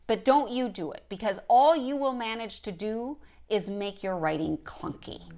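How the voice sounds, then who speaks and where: A writing coach who also hosts a show gives an instructional talk, speaking directly and with emphasis, repeating key points to drive them home. Her voice is medium in pitch, slightly mellow, and paced normally.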